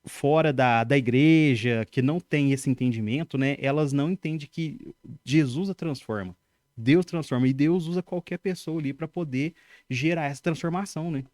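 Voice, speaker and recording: Man, young adult, host, affirming, echoes guest, slightly high pitch, dry close sound. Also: moderate pace, a little mellow. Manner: affirming, echoes guest's words, religious framing. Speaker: podcast host. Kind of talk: casual interview.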